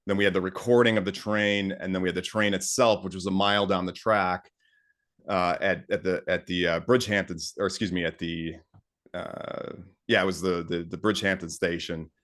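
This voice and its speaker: A man's voice: sits low, fairly even intonation, brisk, a bit bright. A man talking as a guest composer in a casual interview, enthusiastic and full of fillers and restarts.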